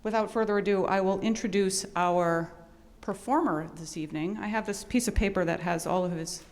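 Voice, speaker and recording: A woman's voice: mid-range voice, darkish tone. Woman hosting in a reverberant hall. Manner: chatty, halting, improvised asides. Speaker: event host introducing a performer. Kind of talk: informal welcome and introduction at a live event. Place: large indoor event space.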